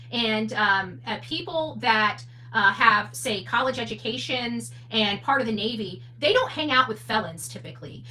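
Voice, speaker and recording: On a rough recording with noticeable hum and background noise, a woman with a bright, forceful voice on the high side hosts a true crime livestream. She answers viewer comments off the cuff, blunt, opinionated and emphatic, often asking rhetorical questions.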